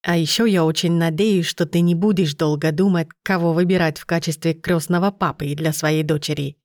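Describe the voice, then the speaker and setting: A woman's voice: deep voice, steady tone, fairly quick, a little mellow, dry recording, studio quality, lightly acted. A woman reading the lines of a charming, teasing man friend in an audiobook.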